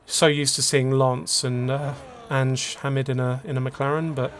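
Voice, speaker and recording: A man calls an online racing league in an easy, chatty way, running through positions and penalties. His voice sits at a middling pitch. There is faint noise in the background. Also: little pitch movement, normal speed. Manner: chatty, laughs along, lists penalties. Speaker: race commentator. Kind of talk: casual sim racing commentary.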